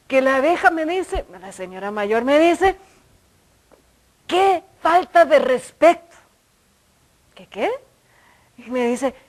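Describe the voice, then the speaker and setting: A woman preacher, telling a story from her life as a sermon and acting out the dialogue in a lively way. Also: high-pitched, low-quality recording. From United States.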